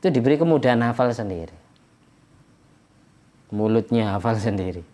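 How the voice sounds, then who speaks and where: A man's voice: medium pitch, lively intonation, moderate pace, dark tone. A man, an Islamic preacher, explaining worship practice plainly and chanting verses in Arabic during a religious study lecture.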